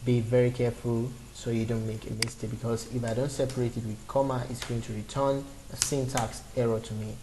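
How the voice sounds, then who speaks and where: Speaking briskly with hardly any pauses, a male programming tutor in his twenties talks through a beginner lesson step by step, unscripted, with fillers and restarts, over a screen recording. His mid-range voice keeps a level tone against background noise.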